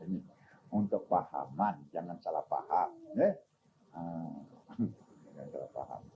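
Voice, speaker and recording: Older man, religious teacher, lively rising and falling voice, dark mellow tone, faint background noise. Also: on the low side, low-quality recording. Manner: animated, asks listeners questions, chuckles, teasing. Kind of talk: informal Sufi religious talk to a group.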